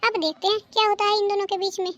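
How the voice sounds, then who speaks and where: A woman's voice: extremely high pitch, little pitch movement, quick pace, fairly bright tone, soft background music. A woman voicing a scheming, gossiping younger daughter-in-law in a cartoon. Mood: sly. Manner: sly, sweet-talking. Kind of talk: cartoon dubbing.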